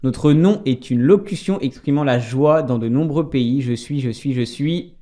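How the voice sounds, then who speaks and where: A man's voice: mid-range voice, moderate pace, dark tone. A man hosting a casual podcast quiz among friends, reading clues aloud with playful asides. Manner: reads clues in a teasing, playful way with frequent laughs and asides. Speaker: podcast host running a music quiz.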